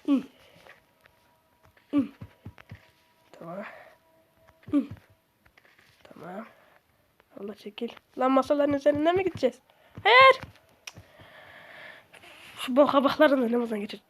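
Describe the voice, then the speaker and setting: High-pitched excitable young woman gamer. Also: normal speed, long pauses. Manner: excitable, swears and shrieks at the game. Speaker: gaming streamer. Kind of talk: casual game commentary.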